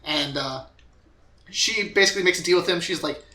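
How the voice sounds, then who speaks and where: A man's voice: a little high, normal speed, bright, forceful tone, echoey room. A young man co-hosting a podcast, casually recapping an anime plot with lots of fillers. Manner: rambling recap with filler words and acted quotes. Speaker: podcast co-host.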